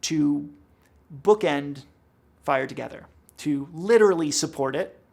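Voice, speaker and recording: Director type, male, thoughtful and explanatory, rough gravelly tone. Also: fairly high pitch, unhurried, a little mellow. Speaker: production director. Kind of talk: behind-the-scenes interview.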